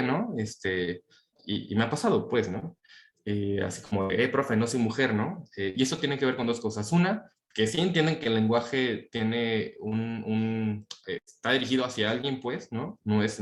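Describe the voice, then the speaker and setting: A young man lectures a class in an informal, talkative way, often stopping on fillers and tag questions. His voice sits in a middle register. The sound carries noticeable room echo. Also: mid-range voice. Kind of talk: university talk on inclusive language.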